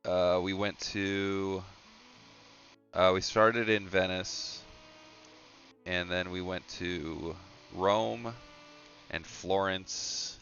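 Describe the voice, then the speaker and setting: An American man hosting a live stream, chatting casually about hardware in a relaxed, easygoing way, sleepy and yawning. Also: deep voice, drawn-out words, long pauses, clean tone, faint music behind. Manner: relaxed, easygoing, laughs often. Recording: slightly dull lo-fi stream audio.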